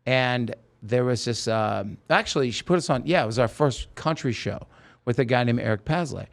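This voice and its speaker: A man's voice: mid-range voice, moderate pace, vocal fry. A man telling a long backstage story in a casual interview, acting out the people he quotes. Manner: animated anecdote teller, acts out quoted voices. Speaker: guest musician.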